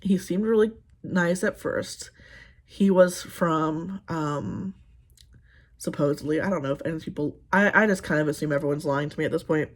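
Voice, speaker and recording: Talking at a moderate pace in a voice that sits low, a woman in her thirties films a get-ready-with-me beauty vlog. While applying makeup she tells meandering dating stories, sarcastic and exasperated, peppered with ums.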